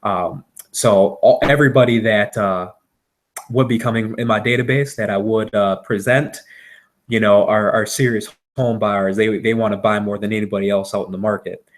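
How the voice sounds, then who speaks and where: A man from Wisconsin with a Midwestern accent, talking through a sales pitch in a halting, agreeable way, repeating words as he goes. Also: steady tone. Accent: American Upper Midwest. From Wisconsin, United States. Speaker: real estate seller pitching to a homeowner. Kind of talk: conversational phone sales call.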